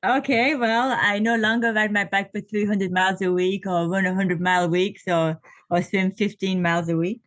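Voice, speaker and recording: A woman in her late fifties, an ultra triathlete appearing as a podcast guest, chats casually over a video call, laughing often and using lots of fillers. Her voice is medium-pitched with fairly even intonation at a moderate pace, and there's no echo.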